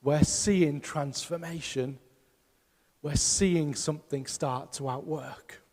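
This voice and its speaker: A man's voice: fairly high pitch, steady tone, slow pace, a little mellow, big-room sound. A man preaching a sermon as pastor, emphatic and putting rhetorical questions to his congregation. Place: church hall.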